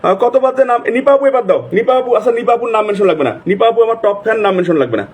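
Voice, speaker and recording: A man with a strikingly high voice hosts a live stream, firing off viewers' names one after another at a breakneck pace. His throat is sore from the nonstop calling, and he repeats each plea again and again with urgency. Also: expressive, racing, husky. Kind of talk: live stream shout-outs.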